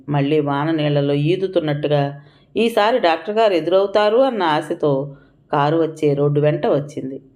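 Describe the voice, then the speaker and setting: This is a woman with a low voice, narrating an audiobook story. She reads with feeling and gives the characters' pleas and cries her own emotional delivery. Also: mellow.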